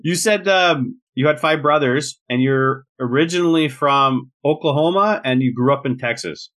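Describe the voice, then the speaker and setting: A man's voice: medium pitch, moderate pace, fairly bright tone. A man from Montreal hosting a podcast interview, casual and hesitant, often restarting his sentences. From Montreal, Quebec. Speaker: podcast host.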